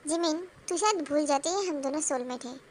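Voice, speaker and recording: A woman's voice: high voice, brisk, a little mellow, slight background noise, lightly acted. A woman voicing a frank young woman friend in a fan-dubbed drama, giving earnest advice.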